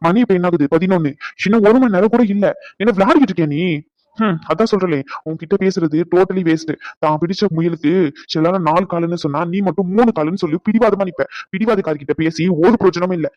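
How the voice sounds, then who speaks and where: A man's voice: high-pitched, fast talker, no echo, lo-fi sound, natural voice. A man voicing a stressed young husband in a cartoon, scolding his wife in long rants. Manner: scolding rants, softening into comfort. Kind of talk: cartoon voice acting.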